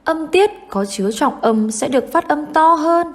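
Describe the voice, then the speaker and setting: A young woman with a Vietnamese accent, an English teacher giving an online lesson in a clear, measured way. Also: sits high, lively intonation.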